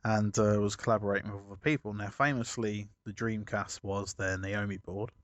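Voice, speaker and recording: Rambling man, low voice. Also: steady tone, fairly quick, dry recording, muffled recording. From United Kingdom. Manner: rambling storyteller, chuckles, self-corrects. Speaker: podcast co-host. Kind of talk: casual podcast chat.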